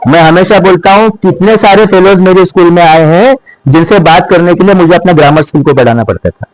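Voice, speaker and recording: A middle-aged man, a school principal, talking to teachers in a mix of Hindi and English, slowing down to stress short English maxims. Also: sits high, no echo, low-quality recording. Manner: mixes Hindi with English maxims, slows for emphasis. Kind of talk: speech to teachers.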